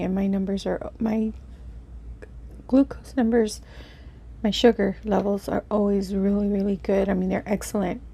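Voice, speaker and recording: A woman hosting an eat-with-me video, chatting casually in an unhurried, halting way as she thinks aloud. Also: medium pitch, creaky, dark tone, slightly rough. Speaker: mukbang video host. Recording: faint background noise.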